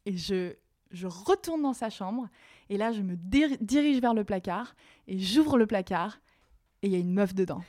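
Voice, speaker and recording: A young woman recounting a night out in lively, chatty storytelling, her pitch at an ordinary middle height. She talks with plenty of fillers and restarts, and jumps high and loud when anger comes back. The sound is close and dry with no room around it. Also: normal speed, no echo. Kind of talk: casual storytelling.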